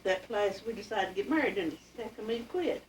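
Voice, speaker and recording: This elderly interviewee has an Appalachian accent and a mid-range voice, talking briskly with lively intonation as she casually recalls her family's past in homespun language. The distant mic leaves the home recording noticeably noisy.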